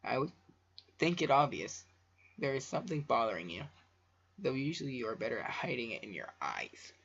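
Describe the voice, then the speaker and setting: Man acting younger female pony princess, caring, earnest, reassuring, gravelly, storybook, muffled lo-fi audio. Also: medium pitch, sing-song, brisk, fairly bright tone, heavily acted. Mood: concerned. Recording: muffled lo-fi home recording.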